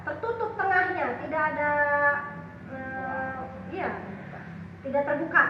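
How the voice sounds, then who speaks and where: High-voiced woman teaching in an echoey hall. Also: noisy background. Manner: quizzes the class, then repeats sounds slowly in drawn-out demonstrations. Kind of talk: classroom teaching. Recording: echoey hall, far from the mic, dull sound.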